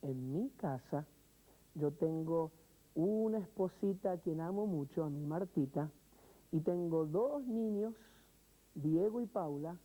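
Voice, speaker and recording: A man's voice: high voice, lively intonation, a little slow, dark tone, low-quality recording. A male pastor preaching a sermon, speaking expressively, asking the listener questions and telling everyday stories. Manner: storytelling with everyday examples.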